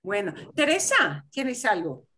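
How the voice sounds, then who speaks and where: A woman's voice: medium pitch, wildly swooping pitch, slow pace, pushed and bright, slight background noise. A woman from Michigan teaching Spanish in an online class, patiently explaining and switching into English to clarify. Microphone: video call.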